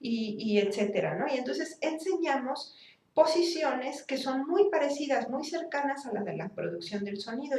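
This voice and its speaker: Woman lecturer, fairly high voice, heard from a distance in a roomy hall. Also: a little mellow. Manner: explanatory, demonstrates sounds with exaggerated articulation. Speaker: speech therapy lecturer. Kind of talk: university class lecture. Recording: echoey room, from a distance.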